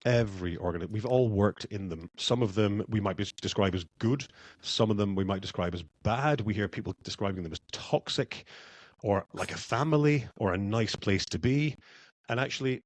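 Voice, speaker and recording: A man's voice: lowish voice, moderate pace, no echo. A man from Scotland, a guest in a podcast interview, talking reflectively and repeating words as he thinks. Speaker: guest, culture consultant.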